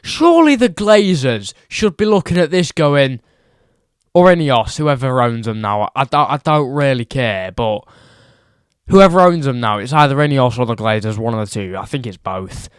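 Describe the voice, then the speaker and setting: A man's voice: medium pitch, sing-song, moderate pace, clear, resonant tone, no room sound, studio quality. A young man ranting about football results, exasperated and repeating his points for emphasis. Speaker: football vlogger.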